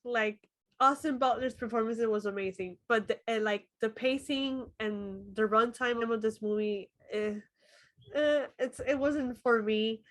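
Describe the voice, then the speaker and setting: A woman's voice: fairly high pitch, measured pace. A woman co-hosting a casual film review podcast, laughing often and thinking aloud with fillers. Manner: laughs often, talks through thoughts with fillers.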